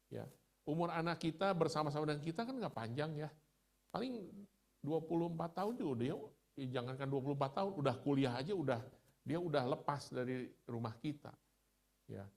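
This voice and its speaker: Middle-aged Indonesian man, chatty preacher, gravelly tone. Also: mid-range voice. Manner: storytelling, chatty, laughs at himself. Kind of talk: conversational sermon.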